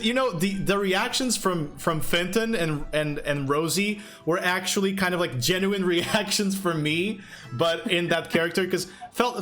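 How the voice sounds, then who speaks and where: A man's voice: a little high, fairly bright tone. A young man hosting a livestream as game master, chatting casually and rambling with many fillers and restarts. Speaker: game master and stream host. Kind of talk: casual livestream chat, reading chat questions. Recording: faint music behind.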